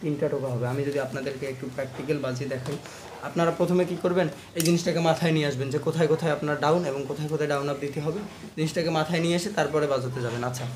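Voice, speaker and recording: A man's voice: fairly high pitch, steady tone, very fast, a little mellow, slight background noise. A man teaching ukulele, explaining a strumming rhythm step by step and chanting its beat syllables aloud as he plays. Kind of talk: instructional lesson. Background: plucked ukulele playing.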